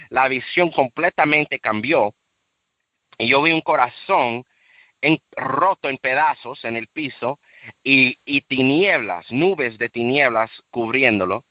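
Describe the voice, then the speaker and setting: A man giving an earnest, emotional personal faith testimony, repeating himself and rising high when he relives shouting. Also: no echo, lo-fi sound. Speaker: guest sharing a faith testimony.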